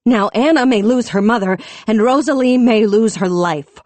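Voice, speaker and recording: A woman narrating an audiobook voices a fierce young off-duty policewoman, raw with anger, furious and tearful, her voice climbing high and loud as she rails and shouts. Her intonation is lively and her pace moderate, close to an everyday voice. The reading is close and dry, with no room sound.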